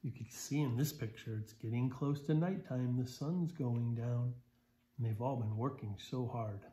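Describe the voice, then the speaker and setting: A middle-aged American man, volunteering as a story reader, sits on a sofa in a small living room and reads a picture book aloud with expression. He adds simple explanations for young children. His voice is warm and medium-pitched, moving at a normal speed.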